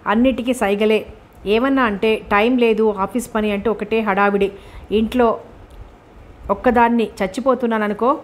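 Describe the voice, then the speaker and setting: A woman's voice: on the high side, steady tone, natural voice. A woman voicing a chatty teasing woman. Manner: chatty and quick. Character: lively, teasing middle-aged woman friend.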